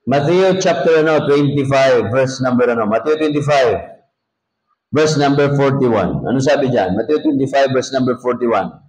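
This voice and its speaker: A man's voice: medium pitch, normal speed, a little mellow, echoey room, poor audio. A man with a Filipino accent, a pastor preaching a sermon, telling jokey stories and reading scripture in English.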